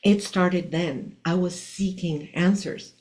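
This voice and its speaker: A woman in her sixties speaks with an Argentine Spanish accent in a lowish, slightly mellow voice at a slow pace. She is a spiritual teacher and coach hosting a podcast, delivering a reflective motivational monologue. Her tone is earnest and emphatic, and she often poses rhetorical questions.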